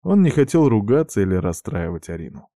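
A man reading a novel aloud as narrator with expressive storytelling. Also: fairly low pitch, fairly quick, no room sound, studio quality. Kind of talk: audiobook narration.

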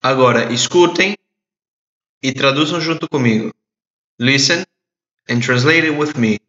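A man teaching English in a recorded audio lesson, repeating phrases slowly and clearly for learners to translate. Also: medium pitch, bright, forceful tone. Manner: slow, deliberate drilling with repeated phrases. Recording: echoey, dull lo-fi audio.

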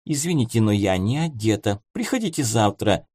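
A man reading an audiobook, voicing a curious young noblewoman in a raised girlish pitch. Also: sing-song, moderate pace, darkish tone, no echo. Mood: prim, curious. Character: young flustered noble girl, curious baroness. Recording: dry close studio sound.

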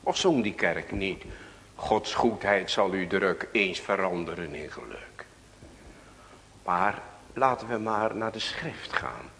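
Dutch male pastor, measured sermon delivery, long church reverb. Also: low voice, animated, fairly bright tone, slight background noise. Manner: reads scripture aloud, asks the congregation questions.

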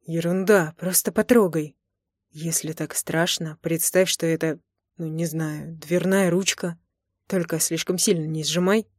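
A woman voicing a teasing, tender young man in an audiobook, speaking low and slow in a murmur. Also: fairly even intonation, a little mellow, no room sound, studio quality. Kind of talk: audiobook character voice.

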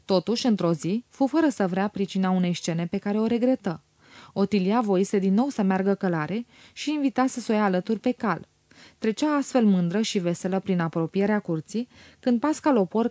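A woman's voice: darkish tone, no echo, clean studio sound. A woman reading a novel aloud as an audiobook narrator, lifting her voice for the characters' lines. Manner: reads dialogue with lifted pitch for characters. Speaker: audiobook reader. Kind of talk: scripted literary narration.

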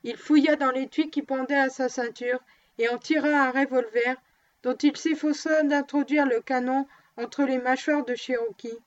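A woman reading a novel aloud in a steady, even narration. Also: high voice, no room sound, lo-fi sound. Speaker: audiobook reader.

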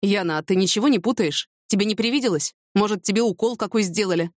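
A woman's voice: mid-range voice, quick pace, no echo, studio quality, lightly acted. A woman reading an audiobook, voicing an injured, weary male police major who complains in an exasperated way. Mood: pleading.

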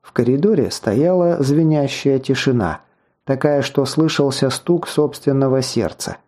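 A man narrating a fantasy novel in the first person, in an even, storytelling manner with wry asides. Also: mid-range voice, a little slow. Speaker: audiobook narrator.

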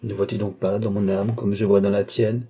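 A devoted young clairvoyant woman, read by a man softly recounts her trance visions at a slow, dreamy pace. The voice is dark and a little husky, in a storybook reading. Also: lowish voice, flat delivery. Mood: dreamy entranced.

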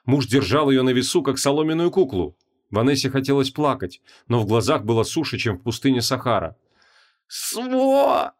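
A man reading a fantasy audiobook with a dramatic, expressive delivery. His pitch sits in a middle range but moves lively and animated through the lines. The narration is scripted and steadily told. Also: a little fast.

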